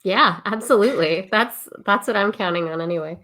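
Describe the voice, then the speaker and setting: A woman's voice: mid-range voice, brisk, fairly bright tone. A woman co-hosting a podcast with a nasal, stuffy voice from a cold, chatting casually and poking fun at herself. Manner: laughing, self-deprecating. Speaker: podcast co-host.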